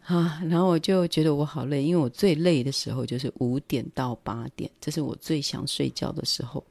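A woman's voice: low voice, steady tone, a little fast, creaky, darkish tone, no echo. A middle-aged woman with a Taiwanese Mandarin accent, hosting a livestream and chatting casually about her family, acting out her parents' words as she goes. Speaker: livestream host. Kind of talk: casual storytelling.

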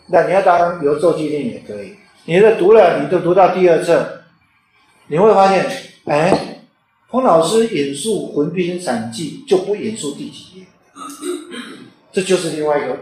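Man, teacher, informal lecture, conversational, high-ish voice, very echoey room. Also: darkish tone, slight background noise. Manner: conversational, often checks in with rhetorical "OK?". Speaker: author and teacher.

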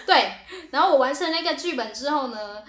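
A young woman, a theater director and podcast guest, telling a story in a lively, casual way and cursing now and then. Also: high-pitched, normal speed, background noise. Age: young adult. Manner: lively storyteller, swears casually, repeats "对对对". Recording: roomy echo.

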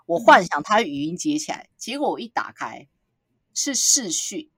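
Animated woman telling a story. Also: fairly low pitch, normal speed, breathy edge, dry recording, clean studio sound. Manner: animated storyteller, acts out quotes, laughs often. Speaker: podcast co-host. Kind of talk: casual storytelling chat.

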